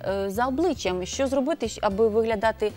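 A woman hosting a morning TV show, leading the conversation in a brisk, upbeat presenter manner. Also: a little high, darkish tone, faint music behind.

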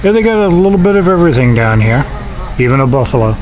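A man's voice: medium pitch, very animated, fast talker, over music, poor audio. A man casually narrating as he films his walk through an indoor flea market, making wry remarks. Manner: chatty, wry remarks while filming. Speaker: vlogger touring a flea market.

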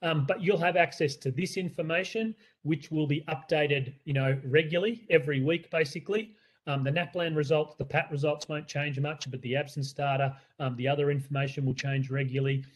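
An Australian man who leads a school presents to parents in a voice on the high side, with a steady tone and brisk pace. He's earnest and conversational, with many fillers and restarts.

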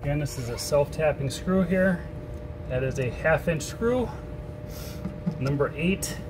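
A man's voice: fairly high pitch, measured pace, noisy background. Older man explaining a boat repair. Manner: relaxed, explains step by step while working. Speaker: sailing vlogger. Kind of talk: hands-on how-to demonstration. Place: large boat storage shed, indoors.

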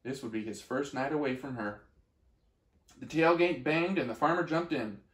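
A man reading a children's storybook aloud in a gentle, expressive way. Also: medium pitch, moderate pace, reverberant. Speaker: story reader.

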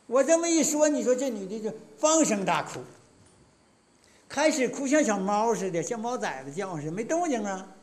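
A man's voice: sits high, sing-song, moderate pace, a little mellow. A man in his sixties with a Northeastern Chinese accent, giving a lecture as a folksy, colloquial storyteller. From Northeast China. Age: 60s. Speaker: folk lecturer.

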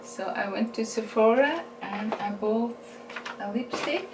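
With a voice on the high side, a Norwegian woman in her forties narrates a makeup haul as a beauty vlogger in accented English, relaxed, chatty, self-correcting and laughing at her own English. A camera mic at a distance in a small indoor room gives the recording a roomy feel and a steady background hiss.

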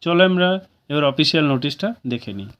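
Lively intonation and a quick pace mark this slightly high, clear, resonant voice of a Bengali-accented job news presenter. In his casual explainer of a vacancy notice, he regularly asks viewers "okay?". The recording quality is dull and lo-fi.

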